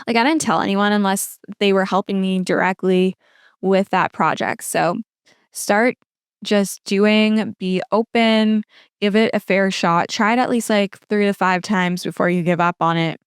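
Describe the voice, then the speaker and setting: A woman's voice: mid-range voice, steady tone, unhurried, smooth, no echo, clean studio sound. A woman hosting a podcast, chatting casually as she answers listener questions, often using "like" as a filler. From lives in Toronto. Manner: chatty, filler-heavy with frequent "like". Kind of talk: casual advice chat.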